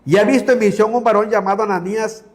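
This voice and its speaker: Male TV preacher, high voice, reads Bible passages, fervent asides, calls listeners brother. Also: fairly even intonation, fast talker.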